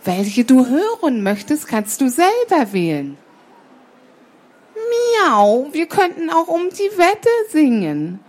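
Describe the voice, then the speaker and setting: A woman's voice: sits high, huge pitch swings, slow, exaggerated voice. A woman reading a children's story aloud and voicing a sly, lying female cat who coaxes and meows. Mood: coaxing. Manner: coaxing, purring with meows. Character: sly sweet-talking female cat, a liar.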